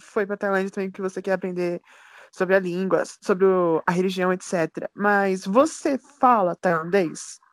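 A woman's voice: medium pitch, moderate pace, no echo. A woman interviewing a guest in a podcast, asking questions politely and carefully.

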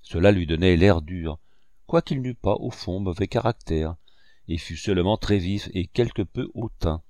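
A man reading a classic novel aloud as an audiobook narrator, with expressive storytelling. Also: low voice, normal speed, dry recording. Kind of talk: scripted narration.

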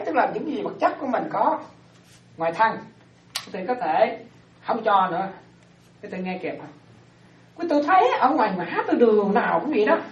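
A woman Buddhist teacher giving an animated dharma talk to lay followers, often checking that they follow. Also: medium pitch. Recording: roomy, distant, dull lo-fi sound.

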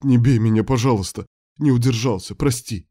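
A man's voice: medium pitch, a little fast, mellow, natural voice. Man doing a whiny, coquettish young man. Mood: whiny pleading. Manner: whiny, wheedling. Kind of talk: audiobook character reading.

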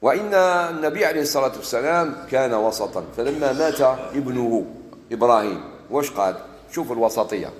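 A man with an Algerian accent preaching a sermon, moving between solemn scripture recitation and lively everyday dialect. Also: mid-range voice, fairly quick, reverberant, big-room sound. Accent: Algerian Arabic. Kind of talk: sermon mixing classical Arabic and dialect.

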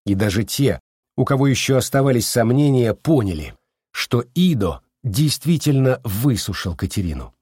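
A man narrating an audiobook, expressive, voicing every character himself. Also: medium pitch, normal speed, breathy edge, no room sound, clean studio sound. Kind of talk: scripted narration.

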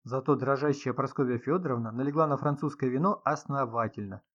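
A man reading a detective story aloud in a steady, measured, dramatic narration. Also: medium pitch. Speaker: audiobook narrator. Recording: slightly dull lo-fi sound.

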